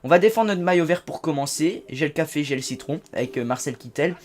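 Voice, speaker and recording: Chatty man narrating a game. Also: fast. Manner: chatty, excitable, swings between loud outbursts and low asides. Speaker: gaming video host. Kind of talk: casual let's-play commentary.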